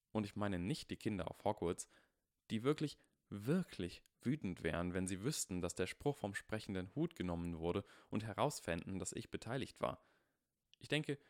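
A man's voice: lowish voice, darkish tone, no echo, studio quality, close to an everyday voice. Man doing a precocious earnest boy. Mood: careful. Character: precocious earnest eleven-year-old boy wizard.

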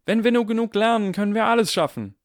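A man putting on a shrill triumphant girl general. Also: big pitch swings, a little fast, darkish tone, no room sound, studio quality. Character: bossy cheerful girl general, proud.

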